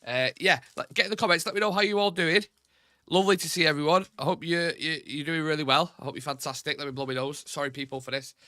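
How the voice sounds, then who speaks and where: A young man who hosts a football channel rambles chattily and informally during a casual live-stream. His voice is a little high, blocked and nasal from congestion, and he talks fast with a sharp tone.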